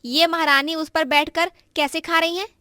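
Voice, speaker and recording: A woman voicing a sharp-tongued young daughter-in-law. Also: very high-pitched, fairly even intonation, normal speed, no room sound, studio quality. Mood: sharp taunting. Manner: sharp, taunting.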